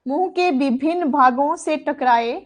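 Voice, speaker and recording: A woman with a high voice teaches an exam coaching lesson. She speaks slowly and repeats each term. She asks the class questions and then answers them herself. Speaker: Hindi teacher.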